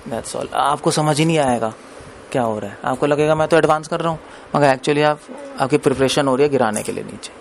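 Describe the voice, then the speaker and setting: A man's voice: medium pitch, brisk, creaky, a little hiss or hum. A man preaching a scripture discourse in a conversational way, mixing in English words and laughing between points.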